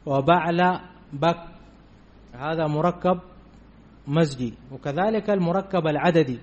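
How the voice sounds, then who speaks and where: Man, grammar teacher, fairly high voice, repeats terms and checks in with students, muffled lo-fi recording. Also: a little slow. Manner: repeats key terms, often asks "did we understand?". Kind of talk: Arabic grammar lesson. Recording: dull lo-fi recording.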